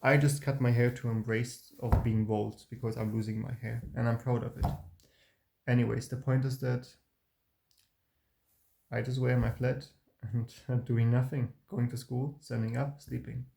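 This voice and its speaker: A young vlogger talks through his past in a personal, reflective monologue that rambles and hesitates, full of restarts and broken grammar. His mid-range voice is creaky and warm, with little pitch movement and a moderate pace. The recording has a roomy echo and slight background noise.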